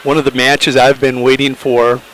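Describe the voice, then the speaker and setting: Male play-by-play announcer for wrestling, middle-pitched voice, chatty and upbeat. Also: flat delivery, normal speed, slight background noise, poor audio. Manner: upbeat, chatty, laughs easily. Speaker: wrestling commentator. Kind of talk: play-by-play commentary.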